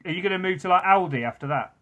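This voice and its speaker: A man's voice: high-pitched, animated, racing, phone-quality sound, a little hiss or hum. A man hosting a casual podcast with friends, joking and laughing often between lines. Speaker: podcast host. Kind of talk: casual chat among friends.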